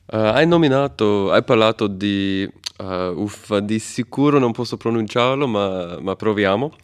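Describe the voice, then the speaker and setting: Male co-host, low voice, easygoing and self-deprecating. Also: a little slow, clean tone. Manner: friendly, self-deprecating, hesitant. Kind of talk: casual interview questions.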